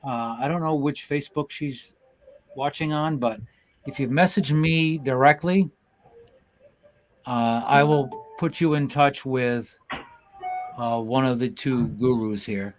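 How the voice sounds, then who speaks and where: A man's voice: mid-range voice, takes it slowly, long pauses, soft background music. A man hosting a casual live podcast over a video call, talking in an easygoing way with many fillers. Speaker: podcast host.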